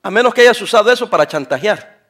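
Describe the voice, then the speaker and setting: An older man, a pastor, preaching a sermon, moving from quiet talk to shouting. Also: high-pitched, fast talker. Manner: animated preaching, swings from soft to shouting.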